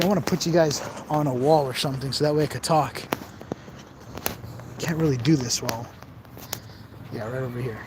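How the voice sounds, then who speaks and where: Outdoors on a casual live stream, a male host rambles and chats, reading viewer comments aloud and laughing at himself. His voice sits in the mid range, and heavy background noise surrounds him.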